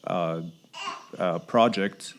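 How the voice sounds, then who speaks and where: Low-voiced man, hesitant. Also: drawn-out words, very noisy. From Sweden. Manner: hesitant, many fillers and restarts. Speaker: missionary pilot. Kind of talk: interview answers.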